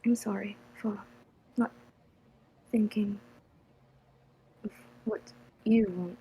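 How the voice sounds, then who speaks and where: A woman whispering as a remorseful, halting girl, whispered role-play. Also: mid-range voice, fairly even intonation, slight background noise, lightly acted, low-quality recording. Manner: halting, hesitant, soft. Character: remorseful young woman apologizing softly.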